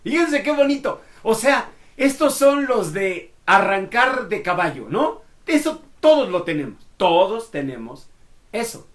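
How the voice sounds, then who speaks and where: A male pastor delivers a sermon in a fairly high voice and at a slow, deliberate pace. He leaps between loud, urgent exhortation and hushed near-whispers. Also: very animated.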